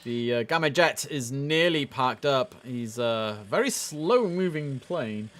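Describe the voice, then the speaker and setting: A male livestream host chats casually through a game stream, now and then dropping into clipped air traffic radio phrasing. His pitch is medium and his pace measured, with steady background noise throughout.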